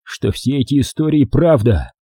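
A man playing a defiant young man with a gun, speaking forcefully in an audiobook reading. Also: medium pitch, lively intonation, moderate pace, breathy edge, no room sound, studio quality, pitched above the performer's own voice. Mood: accusing. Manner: forceful, shouting.

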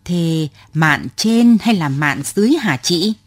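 A man's voice: on the high side, expressive, slow, dry recording. A woman voicing an elderly male cyclo driver who loses his temper and snaps at a passenger, in a storybook reading. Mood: patient. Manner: exasperated, snapping.

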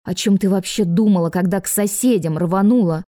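A woman's voice: medium pitch, fairly quick, warm tone, dry recording, clean studio sound, lightly acted. A woman voicing an exasperated young granddaughter who scolds in a curt way. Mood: scolding.

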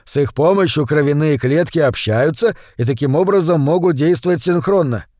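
A practical man offers suggestions and guesses, read by the male narrator. The audiobook voice sits a touch above average pitch, with a dry, close recording. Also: normal speed, dark tone, dry recording, close to an everyday voice. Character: adult man, practical and speculating.

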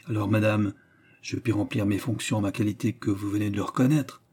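Un greffier de cour grave et solennel, lu par un homme dans un livre audio. Il parle avec une politesse froide et mesurée, d'une voix sombre et légèrement voilée. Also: male voice, fairly low pitch, fairly even intonation, darkish tone, husky. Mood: solemn. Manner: formal, measured and solemn. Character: grave, formal male court clerk, stern.

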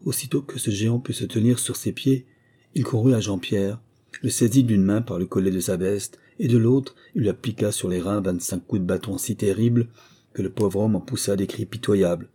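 A man narrating a fairy tale as an audiobook in a measured storytelling voice. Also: on the low side, dark tone, slightly rough.

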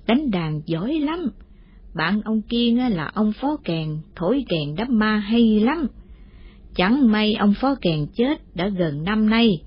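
A woman's voice: mid-range voice, breathy edge. A woman voicing a chatty old village woman who rambles through her story with plenty of fillers. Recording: muffled lo-fi audio.

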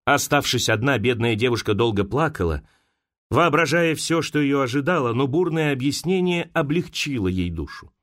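Expressive male audiobook narrator. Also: mid-range voice, normal speed. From Russia. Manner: expressive, dramatic reading. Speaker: audiobook reader. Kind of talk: scripted narration of a classic novel.

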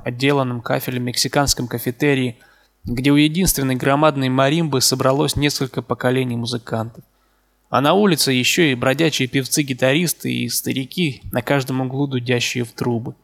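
A man narrating a literary novel as an audiobook in a calm, measured way, with a gravelly voice. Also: mid-range voice.

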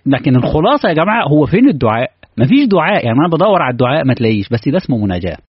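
Egyptian sheikh preaching fast, husky voice, earnest, dull lo-fi recording. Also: male voice, a little high, big pitch swings, no room sound. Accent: Egyptian Arabic. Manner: earnest, asks the audience rhetorical questions. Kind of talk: conversational sermon.

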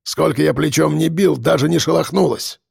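A man's voice: a little high, normal speed, vocal fry, darkish tone, breathy edge, no echo, clean studio sound, full character voice. A man voicing a short-tempered tough male convict who talks in a curt growl. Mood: sullen.

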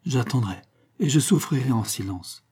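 A man's voice: on the low side, unhurried, warm tone, slightly rough. A man doing a melodramatic young lover. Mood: ardent. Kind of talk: audiobook character reading.

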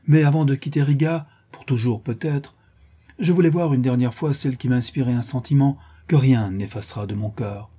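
A man's voice: mid-range voice, fairly quick, dark tone, husky, natural voice. A man reading as a fervent young lover. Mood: impassioned. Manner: impassioned, defiant. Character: proud, passionate young man in love. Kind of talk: audiobook reading.

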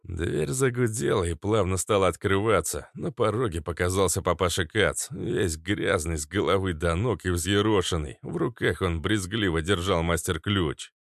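A man's voice: low voice, normal speed, vocal fry, few pauses, no echo, clean studio sound. A man reading a first-person audiobook in a wry, sardonic tone. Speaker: audiobook narrator.

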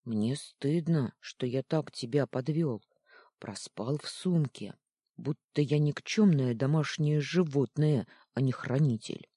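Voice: medium pitch, slow, mellow, slightly rough, no echo, studio quality. A storyteller voicing a small, timid winged male guardian creature who talks guiltily and tearfully in an audiobook. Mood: guilty.

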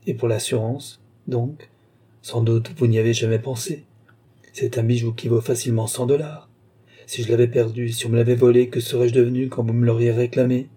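A man's voice: mid-range voice, flat delivery, brisk, mellow, natural voice. A man voicing a scheming, greedy woman doctor who talks down coolly and sweetly, in an audiobook reading. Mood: coldly wheedling. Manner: coolly condescending, calls her "ma petite".

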